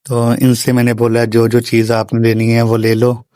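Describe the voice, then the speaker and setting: A father tells a family vlog in a steady voice-over, walking through the day step by step. His pitch barely moves and stays near a monotone at a middle height. The sound is dry and close, with no room in it. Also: normal speed, clear, resonant tone, dry recording. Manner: plain step-by-step recounting. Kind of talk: voice-over storytelling.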